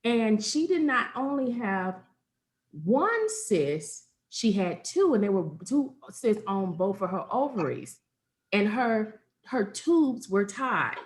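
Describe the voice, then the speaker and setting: A woman's voice: mid-range voice, very animated, takes it slowly. A woman sharing a frank personal story on an online panel. She talks openly and plainly, voices the people in her story and laughs as she goes. She is heard over a video call. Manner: candid storytelling, acts out quotes, laughs often. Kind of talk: personal testimony on a webinar panel.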